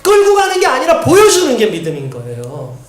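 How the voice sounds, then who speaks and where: Brief: male pastor, lively sermon delivery, echoey church hall. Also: extremely high pitch, a little fast. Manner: animated, storytelling, asks the congregation.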